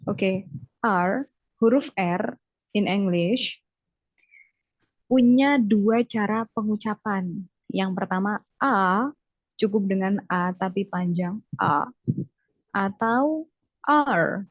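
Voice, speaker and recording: A woman's voice: mid-range voice, slow, long pauses, dry recording, highs cut off. Patient woman tutoring on a video call. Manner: patient, encouraging, mixes English into explanations. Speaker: English tutor. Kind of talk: online one-on-one English lesson.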